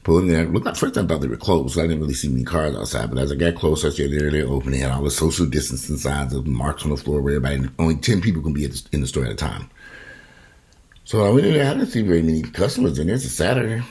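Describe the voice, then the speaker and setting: A man's voice: extremely low pitch, rapid-fire. A middle-aged man, casually telling a rambling, profane story in a video diary. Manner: rambling, profane, animated retelling with quoted voices. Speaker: vlogger.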